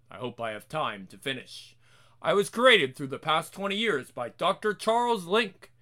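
Man voicing a misunderstood robot, formal storybook narration, earnest, bright tone, widely swinging pitch. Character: earnest, misunderstood male robot telling his sad story. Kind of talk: first-person scripted narration.

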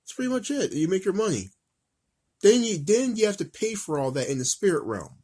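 A man in his thirties giving a casual, emphatic rant, repeating phrases for stress, recorded in an office on an old flip phone with lower quality audio. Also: sing-song, moderate pace, mellow, breathy edge. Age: 30s. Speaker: vlogger.

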